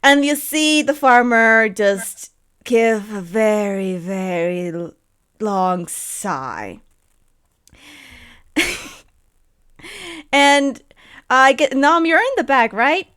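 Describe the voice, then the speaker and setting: A woman's voice: fairly high pitch, very slow, pauses often, clear, resonant tone. Giggly woman game master narrating. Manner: giggly, animated, lots of fillers.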